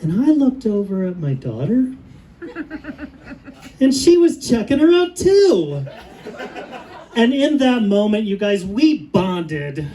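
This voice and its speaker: A middle-aged man performing a stand-up comedy set on stage, telling dry stories and pausing for laughs. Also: sits high, very animated, mellow, poor audio. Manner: dry storytelling with pauses for laughs. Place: comedy stage with a live audience.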